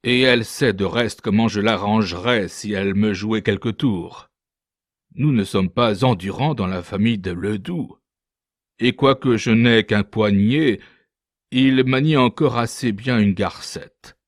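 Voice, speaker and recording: A man doing a harsh one-handed ship captain, loud and menacing, low slow voice, dry close sound, storybook reading. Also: dry recording. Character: brutal one-handed male sea captain, threatening.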